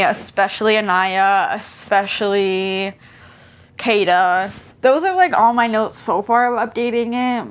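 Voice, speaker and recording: A young woman with a soft Southern drawl talks to her camera at home in an easy, rambling way. Her sentences wander, loop back and lean on "like" as she thinks out loud. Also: mid-range voice. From American South. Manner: rambling, heavy use of "like" fillers. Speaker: vlogger. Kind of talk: casual chatty vlog.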